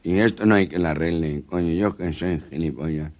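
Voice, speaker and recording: A man's voice: low-pitched, a little fast, a little mellow, close to an everyday voice. A man voicing a nasal hunchbacked man who grumbles and swears to himself, on an old cassette joke tape. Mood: scared.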